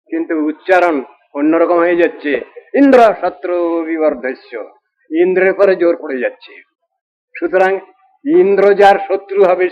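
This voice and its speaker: A man delivers a devotional discourse in a slightly higher-pitched voice, retelling a scripture story in a steady narrative way. He slows down deliberately whenever he chants a Sanskrit verse. The recording sounds dull and lo-fi. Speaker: preacher.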